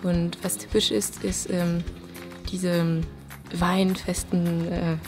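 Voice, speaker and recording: A woman's voice: on the low side, little pitch movement, takes it slowly. A young woman from France, an international student, talking casually in a library. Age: young adult. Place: university library indoors. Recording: music clearly underneath.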